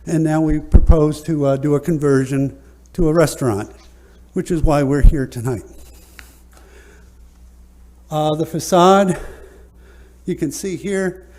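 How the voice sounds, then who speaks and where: A man, an architect presenting a project at a public hearing in a relaxed, joking way with many fillers. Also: a little high, a little slow, long pauses. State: slightly out of breath at first.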